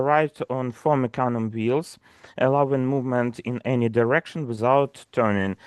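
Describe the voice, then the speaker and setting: A man with a Ukrainian accent, speaking on a video call while sharing his screen. He gives a prepared startup pitch and reads from a script with frequent "uh" fillers. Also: dry recording, clean studio sound. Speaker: startup presenter.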